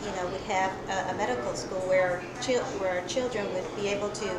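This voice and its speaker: A woman's voice: mid-range voice, steady tone, brisk. A middle-aged woman from El Salvador, a guest on a local talk show, chatting casually with many fillers and restarts. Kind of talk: casual interview chat. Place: coffee shop. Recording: echoey cafe with crowd chatter.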